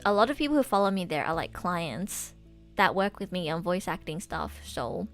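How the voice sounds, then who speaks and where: A woman's voice: lowish voice, lively intonation, moderate pace, fairly bright tone. Chatty young woman streamer, music behind. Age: young adult. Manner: chatty, bubbly anime-fan slang. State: recovering from oral surgery, stitches in mouth. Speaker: livestreamer and voice actor. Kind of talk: casual livestream chat with viewers.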